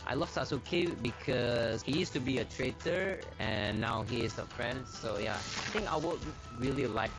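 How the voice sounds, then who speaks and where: A man's voice: medium pitch, normal speed, few pauses, rough recording. Indonesian-accented gamer man over music. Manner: playful, confident, short phrases. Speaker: pro mobile-game player. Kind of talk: recorded team interview.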